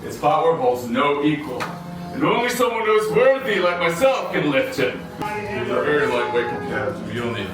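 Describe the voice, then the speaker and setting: A man's voice: a little high, very animated, moderate pace. A man playing a mighty, boastful Norse thunder god in a live children's show, with grand, archaic, commanding speech. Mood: rousing. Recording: echoey venue from far off, loud music.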